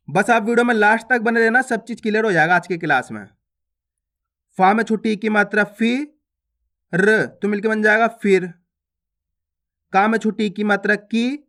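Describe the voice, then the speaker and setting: A man's voice: high-pitched, fairly bright tone. A male teacher giving a beginners' reading lesson, patiently drilling syllables and speaking to the viewers as friends.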